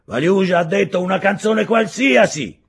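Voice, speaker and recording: A man voicing a hoarse criminal who shouts orders from the upper bunks, raspy and bossy. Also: high voice, moderate pace, voice pushed up. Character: hoarse loud barracks criminal calling from above.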